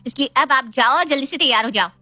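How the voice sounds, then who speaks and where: A sharp-tongued young woman from a cartoon story, whining and bossing in a high, squeaky voice, put on by a woman narrator. The voice is dry and close, with no room around it. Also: quick pace, no echo, exaggerated voice. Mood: eager.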